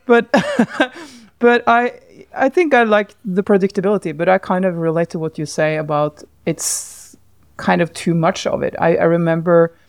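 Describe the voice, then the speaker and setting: A woman's voice: on the low side, moderate pace, dry recording. A Norwegian woman co-hosting a podcast, talking thoughtfully in casual chat and laughing often. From Norway. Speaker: podcast co-host.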